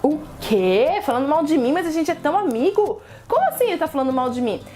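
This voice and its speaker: Woman doing a shocked crab guy, kinda high, cant believe it. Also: lively intonation, quick pace, darkish tone, lightly acted. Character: trusting male crab, easily shocked.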